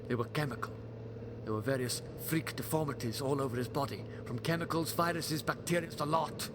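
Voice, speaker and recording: Wry, sardonic time-travelling Doctor, higher-voiced man acting. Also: brisk, background noise, close to an everyday voice. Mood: grave, analytical. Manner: wry, verbose, theatrical. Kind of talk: audio drama acting.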